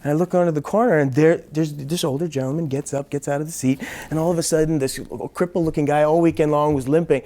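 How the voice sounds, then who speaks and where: A man in his thirties, a martial arts teacher, telling a lively story as an interview guest. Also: on the high side, fast, hardly any pauses. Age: 30s. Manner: lively, builds up the tension of the story. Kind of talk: animated storytelling.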